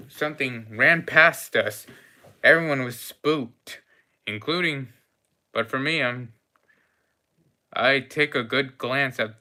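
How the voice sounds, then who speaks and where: A man's voice: medium pitch, pushed and bright. A man voicing a polite, fussy cafe owner in a tabletop game, telling a long-winded story with gasps and exclamations. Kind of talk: role-play voice in a tabletop game.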